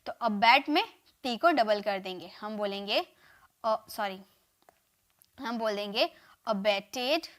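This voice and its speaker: A woman teaching English verb forms in an online lesson, slowly repeating each form and urging viewers to like and share. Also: medium pitch, fairly bright tone.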